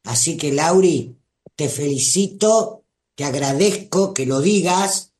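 A woman's voice: deep voice, lively intonation, slow, a little mellow. A woman with a Rioplatense Spanish accent hosting a live stream of advice, emphatic and calling her listeners darling. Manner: emphatic, calls listeners "mi amor" and "tesoro".

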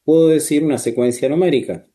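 A man working as a therapist, explaining calmly and measuredly with frequent tag questions. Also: on the high side, fast. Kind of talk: calm explanatory talk.

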